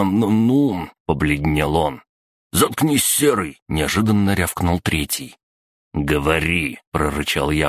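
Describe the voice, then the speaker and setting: A man with an extremely deep voice narrates an audiobook in the first person. His delivery is cold and menacing, recorded dry and close with no room around it. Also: no room sound.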